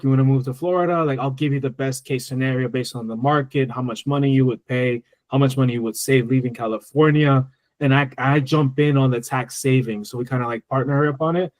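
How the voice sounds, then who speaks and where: A tax strategist answers questions in a webinar Q&A over a video call, speaking loosely and restarting often. His voice is medium-pitched with a darkish tone and no room sound.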